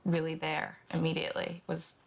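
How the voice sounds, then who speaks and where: A young woman giving documentary testimony, speaking softly and haltingly with many pauses and fillers. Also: sits low, completely flat delivery, gravelly. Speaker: interviewee. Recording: documentary with guitar music underneath.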